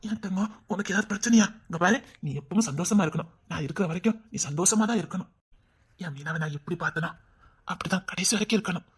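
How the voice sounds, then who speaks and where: A woman's voice: lowish voice, breathy edge. A woman with a Tirunelveli Tamil accent playing a doting young husband who fondly teases his wife. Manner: fond, chatty, teasing.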